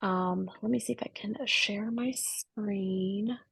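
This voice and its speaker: A woman's voice: medium pitch, steady tone, slow, gravelly, fairly bright tone, husky, no room sound. A woman, a project manager, presenting a program over a video call in an easygoing way with many fillers.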